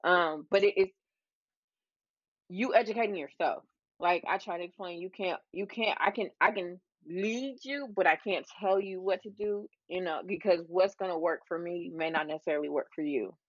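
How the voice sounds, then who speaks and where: A woman's voice: fairly low pitch, normal speed, no room sound. Candid laughing woman, dry dull sound. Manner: candid, laughing, swears freely. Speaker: guest, adult toy shop owner. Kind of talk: casual podcast chat.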